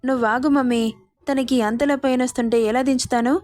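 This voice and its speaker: A woman's voice: high voice, steady tone, brisk, a little mellow, no room sound, studio quality, lightly acted. A woman reading the part of an affectionate, teasing young husband in a story.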